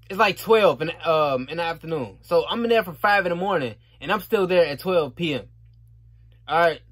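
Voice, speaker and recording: A man's voice: fairly high pitch, a bit bright. A young man telling a story about his day in a heated, profane rant, often checking in with his listeners. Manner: repeats tag questions like "you feel me". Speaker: vlogger.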